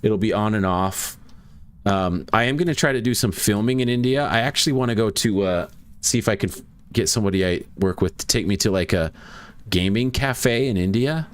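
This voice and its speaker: A man's voice: lowish voice, fairly quick, smooth, no echo. A young adult man casually chatting with viewers while playing a ghost-hunting game, rambling between gameplay notes. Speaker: streamer. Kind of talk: casual gaming commentary.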